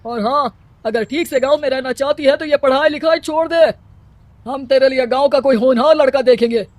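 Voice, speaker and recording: A woman's voice: high-pitched, a little fast, darkish tone, dry recording, pitched above the performer's own voice, natural voice. A woman voicing a domineering, scheming male village headman in a cartoon story, bossy and scolding.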